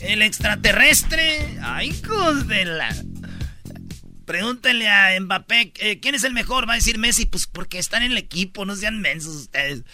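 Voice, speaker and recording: Male host, Mexican accent, high voice, very bright, slangy comedic banter over music. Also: animated, measured pace. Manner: joking, slangy, with mock-quoted voices. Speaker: show host. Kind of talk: comedic talk-show banter.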